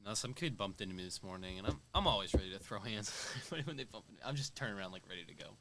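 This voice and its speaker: A young man chatting on a podcast with a lowish voice and a rapid delivery. He is brash, laughs often and sometimes talks loud and fast. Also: expressive. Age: young adult. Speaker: podcast co-host. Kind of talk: casual chat.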